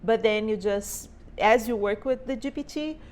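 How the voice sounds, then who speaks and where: This sewing teacher and small business owner, a Brazilian woman in her forties, has a fairly high, slightly mellow voice at normal speed. Speaking English as a second language with a Brazilian Portuguese accent, she gives a casual tutorial to camera indoors in her home studio, frequently adding "right?"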